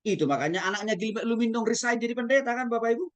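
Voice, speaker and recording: A man who is a pastor, lecturing at a Bible school in an animated way and often addressing his listeners directly. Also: very high-pitched, rapid-fire. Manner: animated, demonstrates tones of voice, addresses the audience often. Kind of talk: theology lecture.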